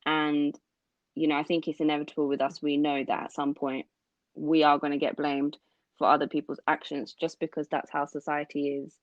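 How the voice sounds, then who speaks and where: A young London woman co-hosts a podcast in a low, flat, brisk voice, chatting casually and agreeing often with frequent "mm-hmm" backchannels. The recording is dry, dull and lo-fi, with no echo.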